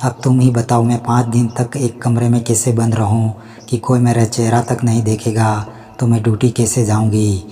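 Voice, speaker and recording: A man voicing a calm, educated young daughter-in-law in a storybook reading, polite and reasoning in a level way. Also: medium pitch, normal speed, slightly rough, big-room sound, close to an everyday voice.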